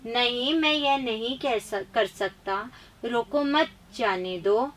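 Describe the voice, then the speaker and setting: High-voiced woman teaching grammar briskly. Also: a bit bright. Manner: brisk quizzing, reading options and answers aloud; chiding, emphatic. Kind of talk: live online exam-prep class.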